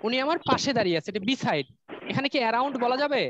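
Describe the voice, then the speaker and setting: A man's voice: very high-pitched, lively intonation, fast talker. A male schoolteacher with a Bangladeshi Bengali accent, teaching a classroom English lesson. He explains step by step and keeps quizzing his pupils. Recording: dull lo-fi sound with loud room noise.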